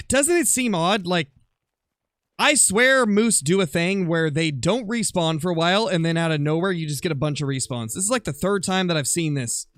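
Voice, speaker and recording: A gamer on a live stream chats casually over gameplay, thinking aloud as he answers viewer comments. His voice is high and a bit bright, with no echo.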